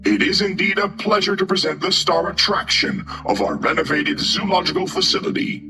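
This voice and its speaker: A man's voice: sits high, sing-song, fairly quick. A man voicing a mechanical alien zoo guide drone, formal and condescending, with music behind. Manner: formal, detached, sneering. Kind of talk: horror audio story.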